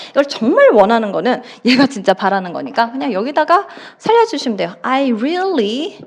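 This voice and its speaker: A woman with a Korean accent teaching an English lesson, explaining step by step and acting out short dialogue lines. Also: on the high side. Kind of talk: recorded classroom lecture.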